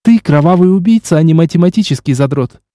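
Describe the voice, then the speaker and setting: Man doing a brash young woman, blunt, voice pushed up high, dry mellow tone. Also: animated, quick pace, dry recording, close to an everyday voice. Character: bold, sharp-tongued young woman, older sister. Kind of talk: audiobook character voice.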